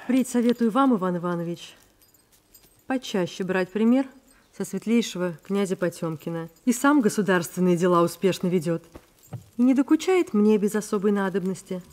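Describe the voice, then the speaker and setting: An actress playing a stately, commanding empress who speaks in an imperious, reproving way, heard in a distant-sounding film clip. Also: female voice, mid-range voice, lively intonation, moderate pace, a little mellow, close to an everyday voice. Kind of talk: period film acting.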